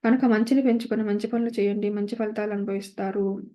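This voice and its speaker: A woman reading spiritual teachings, saying English lines slowly before translating them and chanting verses. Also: mid-range voice, steady tone, dark tone. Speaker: reader of spiritual discourses. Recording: slightly muffled lo-fi recording.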